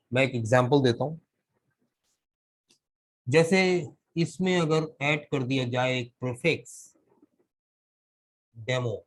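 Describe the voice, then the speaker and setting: Male vocab teacher on a video call, very slow and deliberate, mid-pitched. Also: poor audio. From Pakistan. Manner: slow, deliberate, mixes English into Hindustani. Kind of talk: live online class, explaining slowly.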